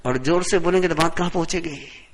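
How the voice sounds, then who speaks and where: A man giving a sermon as a monk, speaking softly into a close microphone in a lecture hall and putting rhetorical questions to the audience. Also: a little high, brisk, heavy background noise. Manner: soft-spoken, asks the audience rhetorical questions. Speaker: Jain monk giving a discourse.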